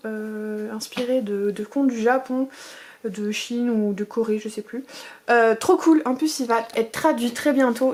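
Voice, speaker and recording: A woman's voice: fairly high pitch, a little mellow, a little hiss or hum. Chatty, gushing woman in her thirties. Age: 30s. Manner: chatty and gushing, piles up superlatives; rambling with frequent fillers and restarts. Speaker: book vlogger. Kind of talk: casual bookshelf tour chat.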